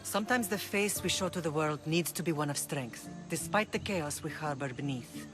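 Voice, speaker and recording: Over cutscene music, a deep-voiced woman portrays the island's leader, a middle-aged mother with a composed, commanding presence. Her pace is moderate and her performance only lightly acted.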